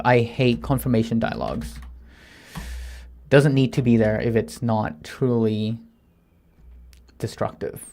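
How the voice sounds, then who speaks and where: A developer from Thailand, in his thirties, codes live and talks through his thinking while reading plan text. His mid-range voice mumbles, partly to himself, and he often stumbles and restarts when nervous, murmuring softly between lines.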